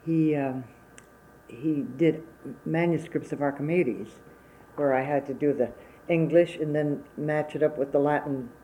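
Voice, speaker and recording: In an oral history interview, a Wisconsin woman in her seventies, whose first language was Czech, plainly recalls her working life. Her voice is low, unhurried and warm. The audio is poor, with a little hiss or hum.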